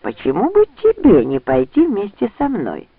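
A man's voice: high voice, wildly swooping pitch, moderate pace, gravelly, breathy edge, no room sound, pitched above the performer's own voice, full character voice. A man reading an audiobook, voicing a smug, scheming young nobleman with a sneering tone. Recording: dry, tinny phone-like sound.

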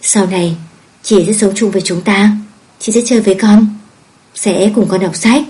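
A woman voicing a gentle young mother who coaxes and comforts her child in a soft voice. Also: mid-range voice, steady tone, moderate pace, natural voice. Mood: soothing. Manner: soft coaxing reassurance.

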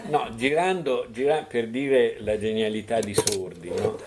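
Male panelist, lowish voice, loose anecdotal delivery with lots of "eh" and "no?". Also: measured pace, crowd noise. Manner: digressive, many fillers and tag questions. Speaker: panelist at a book presentation. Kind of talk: anecdotal public talk. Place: bookshop event room.

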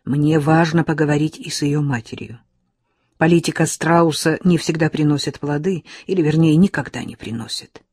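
A woman reading an audiobook, voicing a stubborn, composed male investigator who speaks calmly and firmly. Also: deep voice, moderate pace, husky, no room sound.

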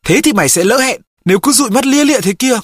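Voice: medium pitch, expressive, fast, breathy edge, no echo, clean studio sound, voice pushed up. A reader voicing a pushy teenage boy who badgers his friend, in an audiobook. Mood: badgering. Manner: brash, badgering.

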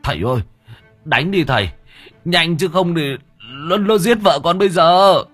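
A man's voice: fairly high pitch, very animated, fairly quick, a bit bright, slightly rough, soft background music, pitched above the performer's own voice, exaggerated voice. A man voicing a desperate middle-aged husband in an audio story, pleading frantically.

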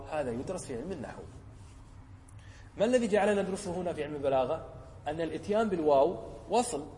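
A man, a sheikh teaching a lesson, who explains a poem, often checks whether his students follow, and slows down to quote examples. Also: a little high, darkish tone, big-room sound, a little hiss or hum. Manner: asks the class short checking questions. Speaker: sheikh teaching Arabic rhetoric.

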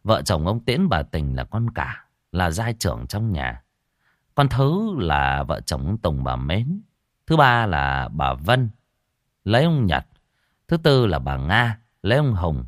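A man narrating a spoken story in a lively, colloquial, earthy way. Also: low-pitched, slow pace, no room sound, clean studio sound.

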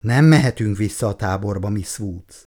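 A man voicing a stern, commanding man who speaks curtly and firmly, in a low voice. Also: darkish tone, natural voice.

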